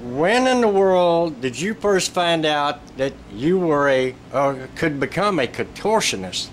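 Male interviewer, jokey drawl, mid pitch, clear room hum. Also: measured pace. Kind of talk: casual interview. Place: small dressing room, indoors. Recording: room audio with steady hum.

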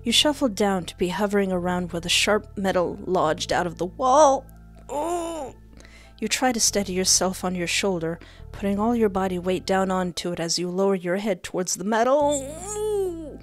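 Speaking into a close desk mic with a headset, a young woman hosts a let's play, switching from dramatic readings of text to casual remarks as music plays underneath. Her mid-range voice is animated and moves at a normal speed.

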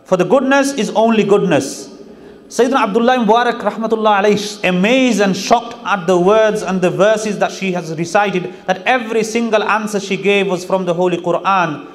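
A British man, a mufti, telling a story in a sermon and reciting verses in Arabic between his English lines. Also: high voice. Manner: quick Quran recitation in Arabic woven into English retelling. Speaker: mufti giving a lecture.

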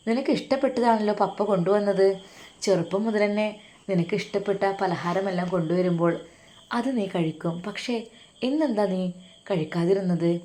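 Mother figure read by a woman narrator: middle-aged, doting, emotional, mellow voice. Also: mid-range voice, close to an everyday voice. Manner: doting, fussing, tearful.

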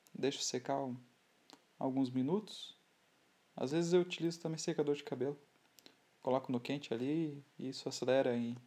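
A Brazilian man talks through a model-building tutorial at his workbench. His voice is dark and mellow, at a middle pitch. He is relaxed and unhurried, stopping to restart his phrases. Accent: Brazilian Portuguese. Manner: relaxed, halting, with many restarts. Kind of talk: hobby tutorial voice-over.

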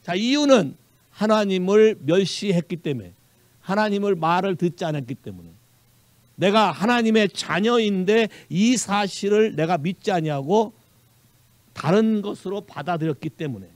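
A man's voice: high voice, animated, normal speed, no room sound. A male Korean pastor preaching a sermon with animation, mixing in English phrases and quizzing the congregation. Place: church sanctuary.

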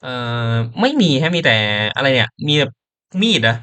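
A man's voice: medium pitch, sing-song, moderate pace, bright, forceful tone. A man chatting casually as he plays a game, joking and thinking aloud. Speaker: gaming streamer. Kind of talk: casual let's-play commentary.

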